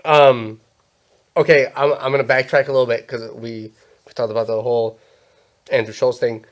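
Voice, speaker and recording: A man's voice: medium pitch, little pitch movement, moderate pace. Rambling young man telling stories. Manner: rambling storyteller, swears often, acts out quotes. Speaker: podcast host. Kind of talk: casual podcast chat.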